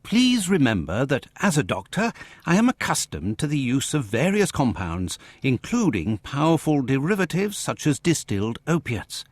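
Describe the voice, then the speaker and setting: A proper english doctor sidekick guy, husky, super animated, excitable, game cutscene. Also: a little high, no room sound, heavily acted. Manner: formal, expressive. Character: Doctor Watson, earnest excitable English gentleman physician sidekick. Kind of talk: video game cutscene acting.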